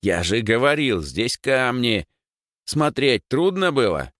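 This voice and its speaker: A man voicing a bossy, sarcastic schoolboy in an audiobook, who talks in gruff, snapping orders. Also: on the low side, very animated, normal speed, fairly bright tone, no room sound, clean studio sound, voice pushed up. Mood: angry. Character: schoolboy Egor, bossy, sarcastic and quick to snap. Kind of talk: audiobook character voice.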